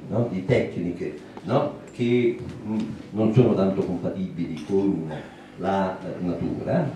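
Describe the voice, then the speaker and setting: A man's voice: on the low side, dark tone, slight background noise. Older man lecturing in an echoey room. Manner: thoughtful, pausing, with many fillers and restarts. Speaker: speaker at a public talk. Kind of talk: public lecture. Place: small meeting room, indoors. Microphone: handheld mic, recorded by a far camera. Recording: roomy echo from a distant camera.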